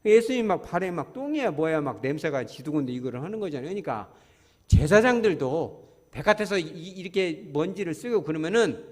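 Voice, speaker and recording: A man's voice: a little high, big-room sound. A male pastor preaching a folksy sermon, often asking the congregation questions.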